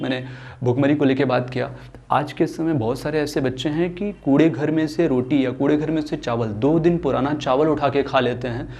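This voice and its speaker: A man's voice: medium pitch, creaky, a little mellow. A young man speaking for a foundation in an earnest social-cause talk, mixing English phrases into his speech and often restarting sentences.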